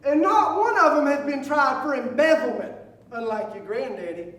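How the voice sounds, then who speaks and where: A man's voice: very high voice, lively intonation, moderate pace, a bit bright. A man acting a blustering Southern suitor, far off and echoey. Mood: angry, insulted. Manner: blustering, folksy, argumentative. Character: indignant, stubborn male suitor, a hypochondriac landowner. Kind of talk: comic stage play acting. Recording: echoey stage performance recorded from far off.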